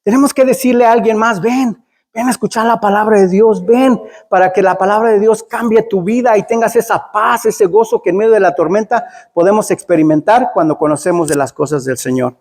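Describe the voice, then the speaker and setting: A man's voice: high voice, brisk, few pauses, darkish tone. A man preaching a sermon in a church, chatty and storytelling, often asking "right?". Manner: conversational, storytelling with frequent "¿verdad?". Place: church hall. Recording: long hall reverb.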